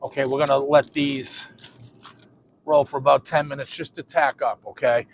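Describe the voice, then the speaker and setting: A man's voice: mid-range voice, moderate pace, over music. A man hosting a barbecue cooking video, casually walking viewers through smoking and saucing ribs, then tasting them. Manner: relaxed, talks with his mouth full while tasting. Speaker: BBQ cooking channel host.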